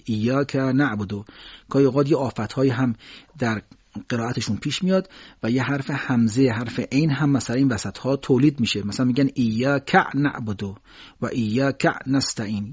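Husky-voiced man teaching on radio. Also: medium pitch, darkish tone, dry recording, lo-fi sound. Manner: patient explanation, pausing often with fillers; demonstrates vowel sounds slowly and drawn out. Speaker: Quran recitation teacher. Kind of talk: radio lesson on Quran recitation.

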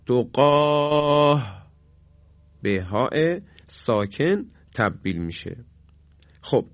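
A man gives a recitation lesson. He explains in a steady, middle-pitched voice and lingers over each example word, drawing it out. The recording is dry and somewhat muffled. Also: dry recording. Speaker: Quran recitation teacher. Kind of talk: recorded lesson on pausing rules in Quran reading.

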